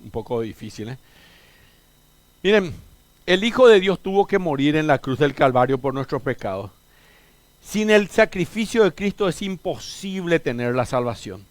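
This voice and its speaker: Paraguayan pastor preaching, high-pitched man. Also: no room sound. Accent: Paraguayan Spanish. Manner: preaching with sudden emphatic rises and soft drops. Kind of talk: sermon.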